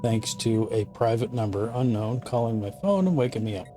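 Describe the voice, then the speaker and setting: A man in his fifties giving casual gameplay commentary. He is chatty and self-deprecating and slows down to read the game's text aloud. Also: medium pitch, animated. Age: 50s. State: sleepy, yawning. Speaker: gaming channel host. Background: game music.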